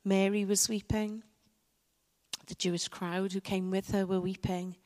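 A woman delivering a sermon at an unhurried pace, letting soft pauses land between phrases. Her voice is mid-pitched, and the sound carries a long reverb from the church hall around her. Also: little pitch movement. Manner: slow, reflective delivery with soft dramatic pauses. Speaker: preacher.

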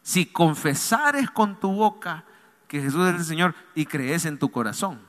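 A man's voice: fairly high pitch, lively intonation, a little slow, fairly bright tone. A man, a pastor preaching a sermon with call-and-response, pleading and emphatic, in a church hall. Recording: long hall reverb.

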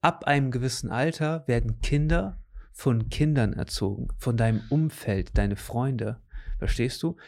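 A man with a mid-pitched voice talks casually in a loose, slangy way. He leans on fillers and keeps checking whether he's understood. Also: measured pace, creaky. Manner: relaxed, slangy, lots of fillers and tag questions. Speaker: conversation partner. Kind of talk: casual chat.

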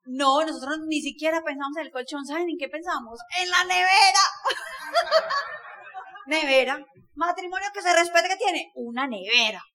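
A woman, giving an energetic, emphatic motivational talk to a live audience, often laughing and working the crowd. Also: high voice, a little fast, noisy background. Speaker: motivational speaker.

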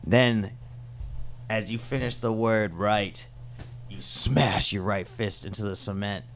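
A man's voice: on the low side, steady tone, slow pace, slight background noise. A man vividly narrating scenes in a tabletop game, with casual profanity.

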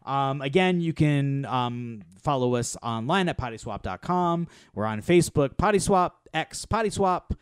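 A man's voice: mid-range voice, lively intonation, clear, resonant tone, no echo, clean studio sound. A man co-hosting a podcast, chatting casually and often restarting his phrases. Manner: halting, restarts phrases, wraps up the show. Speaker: podcast co-host. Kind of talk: casual chat.

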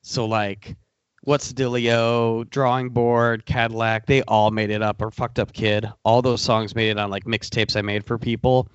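A man's voice: medium pitch, level tone, a little slow, smooth, no room sound, muffled recording. A man co-hosting a casual music podcast in a laid-back way, steering the talk along. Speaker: podcast co-host. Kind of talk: casual chat.

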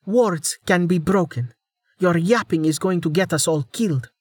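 A man voicing a blunt, hot-tempered young woman adventurer who talks in a sharp, impatient way. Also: sits high, lively intonation, normal speed, no echo, voice pushed up. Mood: heated.

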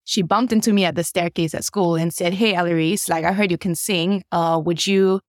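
A Singaporean woman in her thirties, a worship leader, tells her story in a podcast interview. She talks fairly quickly, with lots of fillers and animated leaps in pitch, on a dry, clean studio recording.

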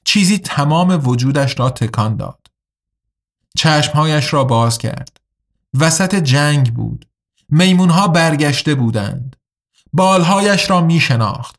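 A man reading a science fiction story aloud as a steady, measured narrator. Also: a little high. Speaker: audiobook narrator. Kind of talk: scripted narration of a sci-fi story.

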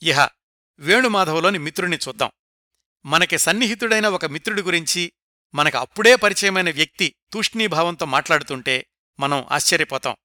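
Male narrator, fairly high, very bright tone; scripted biography read, dry close mic. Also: expressive, a little fast, no room sound.

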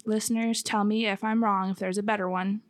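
A woman's voice: medium pitch, little pitch movement, brisk, dry recording. A woman from Michigan with an American accent, chatting casually as a podcast co-host. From Michigan, United States. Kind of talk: casual conversational chat.

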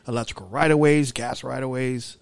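A man's voice: mid-range voice, steady tone, a little fast, vocal fry, clean tone, dry recording. A male podcast host with an ordinary mid-range voice talks casually and rambles, full of fillers. The recording is dry and close, with no room sound.

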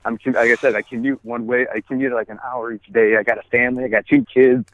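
Calling over a thin, tinny phone connection, this app founder appearing as a guest is a forties-aged man walking his dog. He talks fast in a medium pitch that barely rises or falls, with no room sound. His casual chat is full of restarts and cursing.

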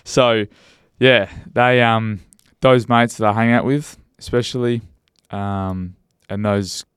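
Low-pitched broad Australian young man chatting. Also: steady tone, takes it slowly, fairly bright tone, smooth, no room sound, clean studio sound. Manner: matey, rambling, slangy. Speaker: podcast co-host. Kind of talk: casual podcast chat.

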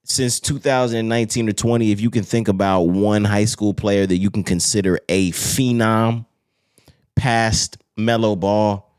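A man's voice: lowish voice, steady tone, a little slow, darkish tone, clear, resonant tone, dry recording, studio quality. A man co-hosting casual sports banter in a crude, slangy, profane frat-bro manner, joking around. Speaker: podcast co-host.

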